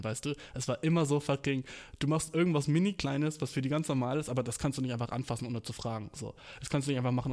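A man's voice: medium pitch, darkish tone. A young man chatting casually as a podcast host, slangy and profane, mixing English words into German and ranting with mocking energy. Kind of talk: casual chat.

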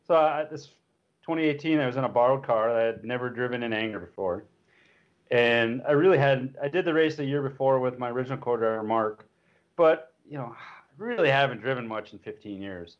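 A man's voice: mid-range voice, a little fast. Man in his fifties telling rally stories. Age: 50s. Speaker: rally driver guest. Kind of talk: casual storytelling. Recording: dull lo-fi recording.

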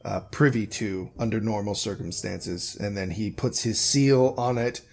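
A man's voice: fairly low pitch, creaky, darkish tone. A man narrating as game master of a tabletop game, meandering and correcting himself as he goes. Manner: slow, meandering, self-correcting.

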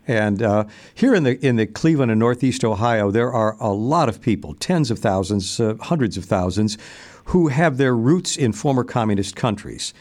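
A man hosting a radio interview, speaking in a measured, halting way with many pauses and restarts. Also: mid-range voice, lively intonation, darkish tone. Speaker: radio host.

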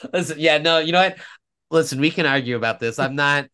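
A man's voice: fairly high pitch, moderate pace, bright, forceful tone, smooth. Rambling male podcast co-host. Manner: rambling, self-correcting, laughs at own stories. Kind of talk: casual political chat.

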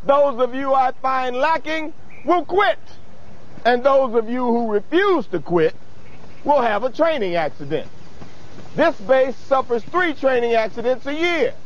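Gung-ho military commander, slow, domineering, barking film drill speech, dull sound with crowd behind. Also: male voice, very high-pitched, expressive, full character voice. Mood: menacing, commanding. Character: gung-ho hard military commander threatening recruits.

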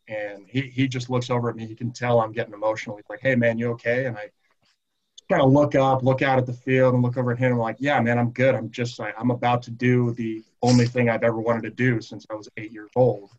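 A man's voice: mid-range voice, a little fast, highs cut off. A young man, a former walk-on player, casually telling stories and acting out what his coaches said. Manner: animated, acts out quotes of coaches. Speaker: podcast host, former walk-on football player. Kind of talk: casual storytelling chat.

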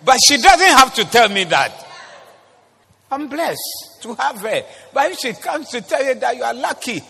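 A man preaching a sermon in church, animated and teasing, talking straight to the congregation. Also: extremely high pitch, unhurried, vocal fry, a little hiss or hum. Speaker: pastor. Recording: long reverb of a church hall.

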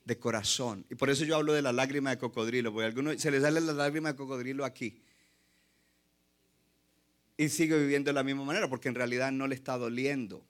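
A man's voice: medium pitch, fairly even intonation, fast talker. A man from Colombia, preaching an impassioned sermon as a pastor and mixing in English phrases.

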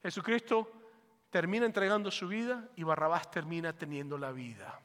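A male pastor preaching a sermon, swinging between fervent loud calls and hushed, pleading lines. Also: on the high side, normal speed, big-room sound. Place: church sanctuary.

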